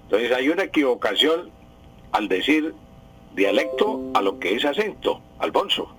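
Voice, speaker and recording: A man's voice: mid-range voice, very animated, normal speed, low-quality recording. A man, a language professor, answering listener questions on a radio morning show, explaining patiently and repeating key words. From Colombia. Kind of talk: radio Q&A segment. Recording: radio broadcast.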